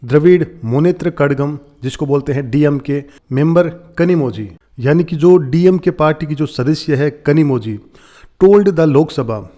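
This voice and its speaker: A man with a mellow, slightly high voice teaches English from a newspaper. He explains in Hindi and reads each English phrase slowly and deliberately.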